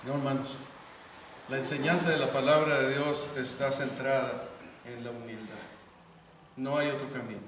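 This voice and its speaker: A man's voice: mid-range voice, steady tone, moderate pace, long pauses, fairly bright tone, slight background noise. An older man, a grandfather, preaching an earnest sermon, telling stories and making emphatic calls to his congregation. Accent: Mexican Spanish. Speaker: pastor. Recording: echoey hall from far off.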